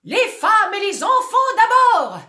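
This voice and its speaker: A frantic male stage artist bellows grand exclamations as his plank sinks, played by a woman reader. The cries leap high and swing widely in pitch. The voice rings in a roomy, echoing space. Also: animated, a little slow, heavily acted. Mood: exclaiming. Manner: shouting theatrical exclamations. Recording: roomy echo.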